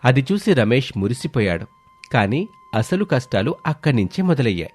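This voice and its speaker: A man narrating a scripted animated moral story in a dramatic, measured way. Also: mid-range voice, husky.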